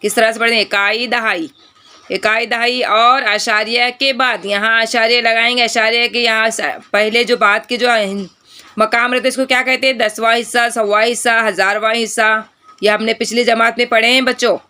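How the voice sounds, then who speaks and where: A woman teacher giving a maths lesson to children, explaining step by step, asking questions and repeating each number slowly. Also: on the high side, flat delivery, sharp tone, clear, resonant tone. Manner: patient, step-by-step explaining with frequent questions to pupils.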